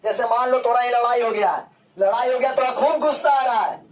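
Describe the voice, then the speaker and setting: A man's voice: very high voice, a little fast, far from the mic, slight background noise. Brief: male teacher, playful lecturing, mic set back in a classroom. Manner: lively, playful, acts out scenes in dialect.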